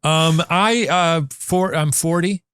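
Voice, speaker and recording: A man's voice: a little high, takes it slowly, clean tone, no echo. A man in his forties co-hosting a podcast, telling rambling stories in casual chat with many restarts. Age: 40s. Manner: animated, rambling storyteller with frequent laughs and restarts. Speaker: podcast co-host.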